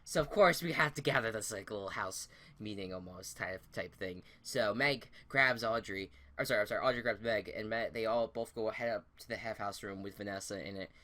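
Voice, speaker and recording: A man's voice: on the low side, a little fast. Rambling young man recapping a show. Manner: rambling, frequent restarts and self-corrections; animated retelling that acts out quotes. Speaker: podcast co-host.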